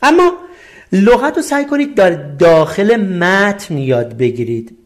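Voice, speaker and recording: A man's voice: high-pitched, very animated. A middle-aged man with a Persian accent, teaching a recorded English lesson and explaining each point step by step, asking questions and answering them himself.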